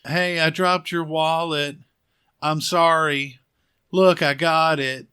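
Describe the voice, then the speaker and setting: A man's voice: on the high side, steady tone, slow pace, bright, forceful tone, clear, resonant tone, voice pushed up. A man mimicking a startled young woman scolding someone she thinks is a prankster. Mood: apologetic. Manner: exasperated scolding.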